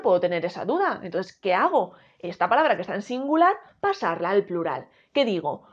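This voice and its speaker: A woman teaching a spelling lesson with a Spain Spanish accent, speaking slowly and emphatically and asking the listener rhetorical questions. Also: fairly high pitch. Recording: dull lo-fi sound.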